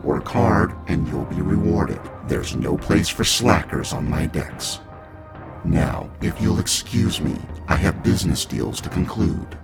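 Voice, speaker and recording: A man voicing a cold, menacing immortal starship pilot, speaking slowly in a hushed, half-whispered tone. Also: a bass voice, sing-song, vocal fry, full character voice. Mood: curt. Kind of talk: audiobook character reading. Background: loud music.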